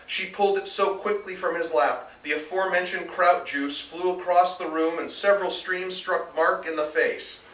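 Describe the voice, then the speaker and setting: The author, an American man, narrates his novel live at an indoor bookstore reading in a high-pitched, steady, slightly bright voice at a moderate pace with few pauses. It was recorded from a distance in a roomy space with faint noise.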